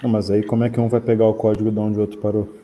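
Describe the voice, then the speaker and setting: A man in a casual online programming meeting, quick with questions and jokes. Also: on the low side, flat delivery, dark tone, slight background noise. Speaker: coding dojo participant. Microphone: home computer mic on video call.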